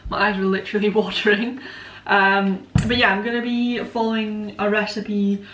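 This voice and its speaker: In her twenties and Scottish, this vlogger rambles through a casual baking chat in her home kitchen, self-deprecating and peppered with ums and likes. Her mid-range voice is fairly bright, with a flat delivery at normal speed. Because the camera sits away from her, she sounds distant and off-mic in the echoey room, with a little hiss or hum.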